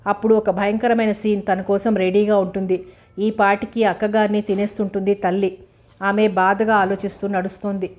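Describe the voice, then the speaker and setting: A woman reads a novel aloud as an audiobook narrator. Her delivery is steady and measured, and her pitch sits in a middle range.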